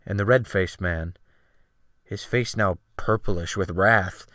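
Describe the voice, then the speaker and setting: Reading first-person literary fiction for an audiobook, this male narrator is theatrical, earnest, and dramatic, phrasing things deliberately. His low, somewhat bright voice is recorded on a Blue Snowball USB mic, studio quality without echo.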